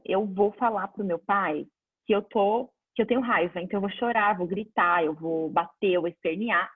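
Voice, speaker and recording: A woman's voice: medium pitch, slightly rough, dry recording. Woman teaching over a tinny line. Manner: conversational, answers viewer questions, lively examples. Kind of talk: casual online class. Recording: dry phone-like audio.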